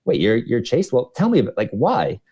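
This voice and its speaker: A man voicing his young male coworker as an eager, curious young man who keeps firing off excited questions. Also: medium pitch, a little fast, husky.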